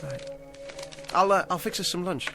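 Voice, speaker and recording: An actor portrays a down-and-out ventriloquist in a 1960s TV drama, speaking in a high, gravelly voice at normal speed while music plays in the background. The character comes across as eager and fretful, forcing an anxious cheerfulness.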